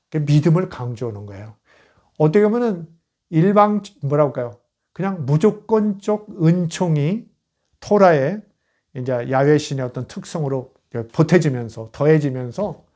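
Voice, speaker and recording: Man, history lecture, slightly high voice, dark mellow tone, chatty rhetorical questions. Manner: frequent rhetorical questions to the listener; retells scripture in casual, everyday speech. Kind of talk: conversational lecture.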